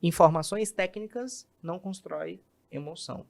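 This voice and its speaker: Animated man explaining. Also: a little high, moderate pace, creaky. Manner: animated, acts out examples in quoted voices. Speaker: communication specialist guest. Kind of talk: podcast interview, explaining.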